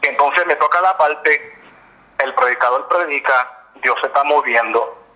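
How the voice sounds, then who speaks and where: Bright-voiced fervent gospel singer. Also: male voice, a little high, measured pace, rough recording. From United States. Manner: fervent, mixes in English fillers. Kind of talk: interview, telling a story.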